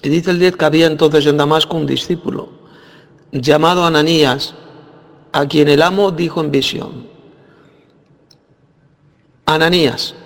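A man's voice: fairly high pitch, steady tone, moderate pace, big-room sound. A man teaching from the Bible, explaining it verse by verse and answering his own questions. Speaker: preacher.

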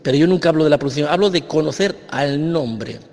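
A man with a Spain Spanish accent argues his point in a heated religious debate, insisting and circling back to the same claims. His voice sits fairly high, and a long reverb trails behind every phrase. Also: fast talker, a little mellow. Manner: argumentative, insistent, repeats himself. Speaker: debate participant.

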